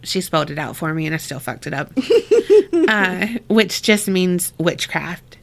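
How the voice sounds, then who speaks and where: A woman co-hosts a podcast in a lowish, creaky, slightly bright voice, speaking a little slowly. She chats casually, reads a listener's story aloud, laughs often and swears freely.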